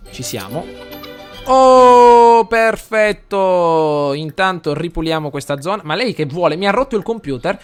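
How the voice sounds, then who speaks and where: A man with an Italian accent commentating a life simulation game for his viewers, chatty, talking to the audience and getting loud and excited during the action. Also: fairly high pitch. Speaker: gameplay commentator. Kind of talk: let's play commentary.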